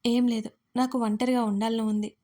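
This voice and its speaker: A brooding, curt young man from an audio story, voiced by a woman narrator. His lines come out short, flat and withdrawn, in a mellow, fairly high voice that stays close to the narrator's own. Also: normal speed, lightly acted.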